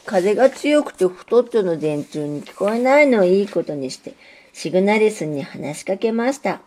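Mellow-voiced woman reading a storybook. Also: medium pitch. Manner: calm, measured narration. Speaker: narrator.

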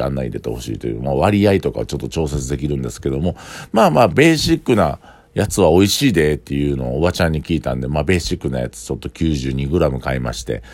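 A man's voice: rumbling low, a little mellow, dry recording. A man with an Osaka Kansai accent hosting a casual solo podcast, rambling conversationally with a mouthguard in, which slightly muffles his articulation. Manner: rambling, conversational, thinking aloud. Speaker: podcast host who runs bars and eateries.

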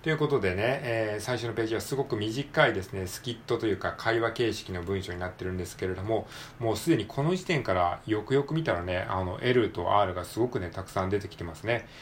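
A low-voiced man in a casual solo practice session, sounding out words again and again at a careful pace. He pauses often with fillers as he explains each sound to himself, with a faint hiss of noise behind him. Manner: repeats words slowly, drilling sounds; thinks aloud with many fillers. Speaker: English learner practicing pronunciation.

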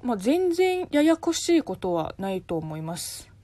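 Host, woman from China, Chinese-accented, casual explainer, animated melody, dry close mic. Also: measured pace, dry recording. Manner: chatty, explains with spoken examples, lively pitch swings. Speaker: podcast host answering listener questions. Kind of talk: casual solo radio talk.

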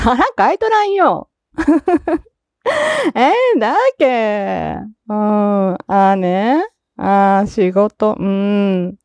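A woman's voice: on the high side, darkish tone, no room sound, studio quality, full character voice. A woman acting out one side of a phone call as a young, affectionate woman with a put-on Fukuoka dialect, coaxing and teasing her partner. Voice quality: sweet, playfully coaxing.

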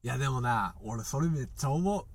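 A young man with a Kansai Japanese accent, co-hosting a casual podcast chat, animated and often laughing. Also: mid-range voice, a little fast. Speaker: podcast co-host.

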